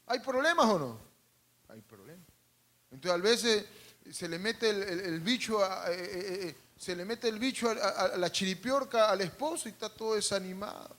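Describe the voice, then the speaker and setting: A man preaching a sermon to a congregation, calling out for responses, adding humorous asides, and swinging between loud and hushed. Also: sits high, lively intonation, moderate pace. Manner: calls out to the congregation and asks for responses. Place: church service.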